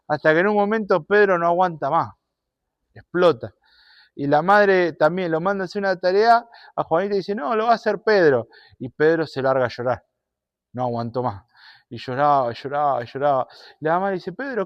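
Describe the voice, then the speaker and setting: A man preaching a sermon and telling a story, animated, shifting between loud and soft. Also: fairly high pitch, clear, resonant tone, dry recording, muffled recording.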